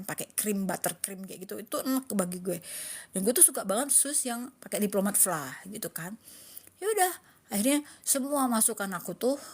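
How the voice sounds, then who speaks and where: A woman chatting casually on a live stream about her day, rambling to her viewers and now and then cooing at her cats in baby talk. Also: mid-range voice. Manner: calls her cats in baby talk, calling herself Mami. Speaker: cat owner live-streaming.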